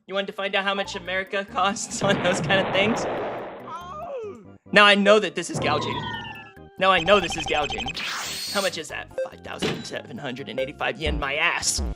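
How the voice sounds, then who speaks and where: A streamer giving casual, profane reaction commentary while ranking a video series, excitable and quick to laugh. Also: mid-range voice, loud music behind the voice.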